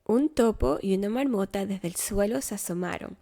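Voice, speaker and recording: A woman reading a children's story aloud in a slow, gentle, rhythmic way. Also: medium pitch. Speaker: storybook reader.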